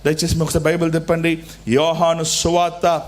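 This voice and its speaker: A male pastor delivers a sermon, alternating loud exclamations with soft, low phrases and slowing to emphasize words. His tone is level, and there's a faint hiss or hum.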